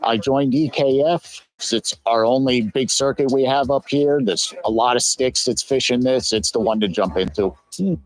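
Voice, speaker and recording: A man's voice: medium pitch, moderate pace, poor audio. A man from Rhode Island, a kayak angler giving brief, plain-spoken answers. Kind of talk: interview answer.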